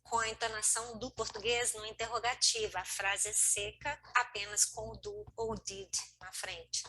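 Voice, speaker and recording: Female co-teacher chiming in on a video lesson, crisp bright tone, steady explaining. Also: mid-range voice, moderate pace, slight background noise, low-quality recording. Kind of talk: online class discussion.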